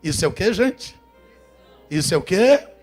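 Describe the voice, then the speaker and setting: A man preaching a sermon, trading calls and responses with the congregation and swinging from hushed tones to shouts. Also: high-pitched, lively intonation, normal speed, breathy edge, faint music behind. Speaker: pastor.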